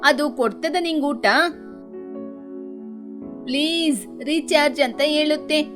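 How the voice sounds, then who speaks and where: A woman's voice: high voice, over music. A woman doing a cheeky, preachy boy bird. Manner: teasing, preachy, fast-talking. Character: cheeky, talkative young male bird who lectures his friend. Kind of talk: cartoon voice acting.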